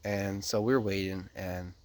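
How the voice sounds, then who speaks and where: Man, 30s, from Ukraine; low, flat, slow and gravelly, rambling casual vlog delivery, faint outdoor noise. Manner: rambling, many fillers and restarts.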